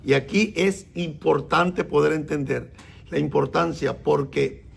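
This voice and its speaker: A man's voice: on the high side, creaky, slightly rough. A man, a messianic rabbi, teaching a sermon and questioning the congregation as he explains. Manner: explains slowly and repeats words, asks the congregation questions.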